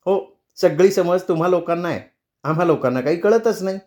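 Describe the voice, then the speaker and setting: Male narrator playing a quarrelsome daughter-in-law; sulky, argumentative, pitched up. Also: animated, brisk, a little mellow, lightly acted. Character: quarrelsome young wife, sharp-tongued daughter-in-law.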